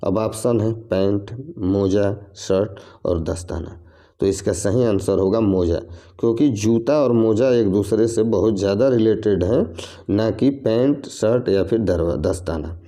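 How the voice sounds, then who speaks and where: A man's voice: lowish voice, measured pace, dark tone. A man teaching a reasoning lesson for competitive exams, explaining step by step and repeating each question and its options. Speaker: exam coaching teacher.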